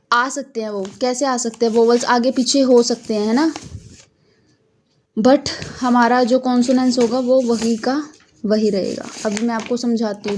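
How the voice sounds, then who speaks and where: A woman teaching English poetry in a mix of Hindi and English, her voice sitting a little high. She keeps circling back, repeating points and asking her students questions before answering them herself. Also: darkish tone. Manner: repetitive, coaxing, asks and answers own questions. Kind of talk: Hindi-English classroom explanation.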